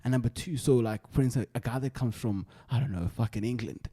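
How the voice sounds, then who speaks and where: A man's voice: medium pitch, fast talker, mellow, breathy edge, dry recording, clean studio sound. A young man with a South African accent hosting a podcast in casual, slangy chat, often repeating his phrases. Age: young adult. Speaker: podcast host.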